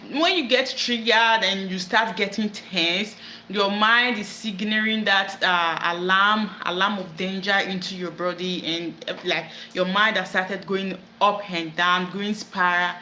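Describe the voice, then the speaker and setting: Woman talking wellness tips, bright voice, kinda echoey room, repeats stuff a lot. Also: mid-range voice, a little hiss or hum. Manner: earnest, repetitive, searching for words. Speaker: wellness vlogger. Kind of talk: casual self-help talk to camera. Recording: echoey room with faint background ambience.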